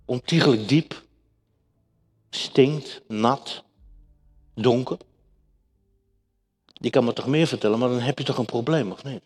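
Slow emphatic preacher in an echoing hall. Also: male voice, mid-range voice, a little mellow, husky. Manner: emphatic, repetitive, addresses congregation directly. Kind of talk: sermon. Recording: echoey hall with long reverb.

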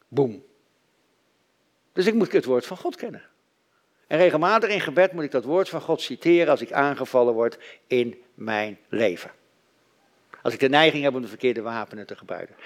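Dutch-speaking male pastor, preaching. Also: a little high. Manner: storytelling preacher, dry self-mocking humor. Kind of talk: sermon.

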